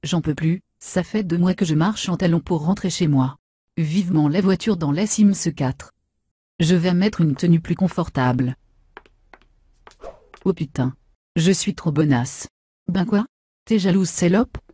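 A woman's voice: fairly low pitch, a little slow, pauses often, dark tone, breathy edge, dry recording, studio quality. [name]: a woman doing a vain, crude young woman. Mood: brash. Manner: brash, insulting, self-satisfied. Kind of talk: comic machinima voice acting.

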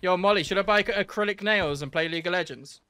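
A man's voice: sits high, fast talker, pushed and bright, smooth. A man in his twenties chatting casually and reacting to clips, with sweary, laddish banter. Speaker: streamer reacting to video clips. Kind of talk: casual chat and reaction commentary.

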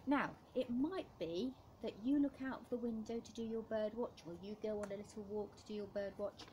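Gentle woman teacher, encouraging tone. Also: medium pitch, background noise. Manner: gentle, encouraging, speaks directly to children. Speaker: primary school teacher. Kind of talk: home-learning video lesson. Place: home kitchen.

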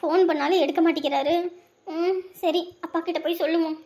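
A woman's voice: extremely high pitch, fairly even intonation, a little fast, mellow. An actress playing a worried wife and mother who talks in a pleading way. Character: anxious adult wife and mother.

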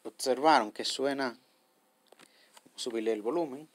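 A man's voice: medium pitch, normal speed, slight background noise. A man hosting a step-by-step app tutorial. He explains patiently, repeats himself, and keeps checking in with his viewers. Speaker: tutorial host.

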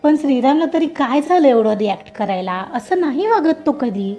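A woman voicing a calm middle-aged father who reasons with his son. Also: high-pitched, normal speed, dull audio, faint music behind.

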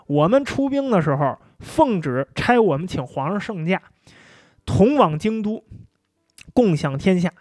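A man voicing a courteous enemy general who speaks in a polite, ceremonious and flattering way. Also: high-pitched, a little slow, no room sound, studio quality.

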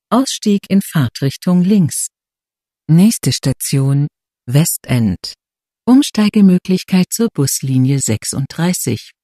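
This is a subway announcer with a mellow, medium-pitched voice. The delivery is formal and slow, with station and transfer details in neatly segmented, scripted phrases. The sound is dry and close. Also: dry recording.

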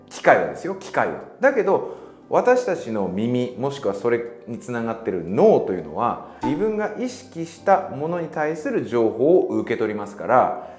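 A man hosting a casual spiritual talk, telling stories and acting out bits of dialogue in a lively way. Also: medium pitch, reverberant. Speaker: spiritual channel host.

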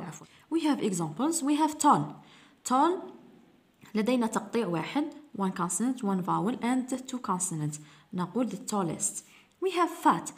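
A woman English teacher giving an exam review lesson, explaining grammar rules step by step and answering her own questions. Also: on the high side.

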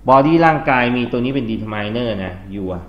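A man's voice: medium pitch, unhurried. A man with a Thai accent teaching an English grammar lesson to a class, explaining step by step, spelling out words letter by letter and quizzing his students. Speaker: English tutor. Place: tutoring classroom. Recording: dull lo-fi classroom recording with faint hiss.

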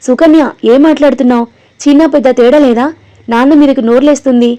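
A woman's voice: on the high side, fast, gravelly, mellow, dull audio. Woman reading a torn middle-aged husband. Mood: reproachful.

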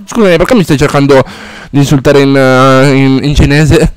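A man streaming a game live, chatting casually and swearing freely at his viewers, with loud exaggerated outbursts. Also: mid-range voice, fairly even intonation, moderate pace, clean tone, no echo. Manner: rambling and profane, chatting to viewers.

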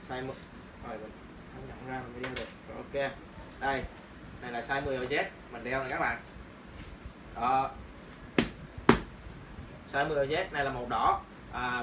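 A young man presenting boxing gloves and hand wraps in a casual product demo, speaking loosely with many fillers. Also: mid-range voice. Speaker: martial arts shop presenter. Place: small room in a shop, indoors. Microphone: camera on tripod a few meters away. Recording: roomy, distant camera audio with noise.

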